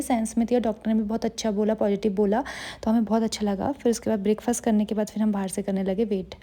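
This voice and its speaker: A woman's voice: medium pitch, mellow. A woman narrating her day in a chatty, teasing way, sounding tired. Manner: chatty, teasing, storytelling with quoted asides. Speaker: vlogger. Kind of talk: casual vlog narration.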